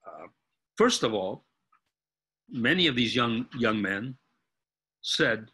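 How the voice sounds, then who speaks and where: A man in his eighties with an American accent lectures on history while describing photographs. His voice is husky, with a bright, forceful edge. He speaks earnestly and haltingly, often restarting sentences. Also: medium pitch, sing-song. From United States. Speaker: guest speaker.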